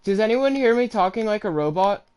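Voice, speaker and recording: A young man hosting a racing game stream, chatting excitedly and casually with other players. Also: high-pitched, a little fast, smooth. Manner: excited, chatty, says dude a lot. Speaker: streamer hosting an online race. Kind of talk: casual live-stream chat.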